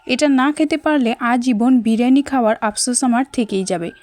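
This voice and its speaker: A woman narrating a first-person audio story in a lively, dramatic, comic way. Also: on the high side, brisk, no echo.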